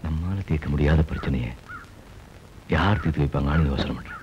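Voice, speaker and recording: A man's voice: very deep voice, slight background noise. An actor playing a stern, wealthy village landlord and father in a film, giving grave orders. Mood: pensive. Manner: slow, commanding, grave. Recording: dull film soundtrack with loud music.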